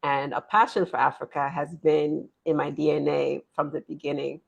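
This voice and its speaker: Husky lady guest, forties, talks earnestly, repeats herself a lot. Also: sits low, flat delivery, moderate pace, highs cut off. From born in Nigeria, raised in the US. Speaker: guest, business consultant. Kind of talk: interview conversation.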